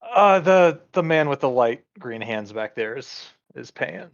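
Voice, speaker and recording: A man's voice: medium pitch, lively intonation, unhurried, dry recording, highs cut off. A man playing a character in a tabletop game, describing his actions in a casual, rambling way. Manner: casual, rambling with many fillers. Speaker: player.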